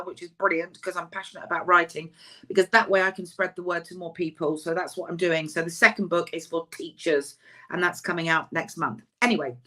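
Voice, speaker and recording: A woman who works as a counsellor and author gives a webinar talk over a video call. Her lowish, slightly husky voice is bright and forceful, and her delivery is chatty, emphatic, and self-deprecating.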